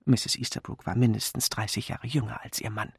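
A reader narrating a mystery audiobook in a measured, expressive storytelling manner. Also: mid-range voice, vocal fry, husky, no echo, clean studio sound. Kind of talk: scripted narration.

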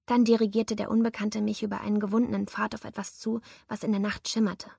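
A woman reads a first-person audiobook with tense, suspenseful delivery. Her voice is gravelly and husky, recorded close and dry. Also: mid-range voice, level tone, quick pace, mellow, no room sound. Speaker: audiobook narrator.

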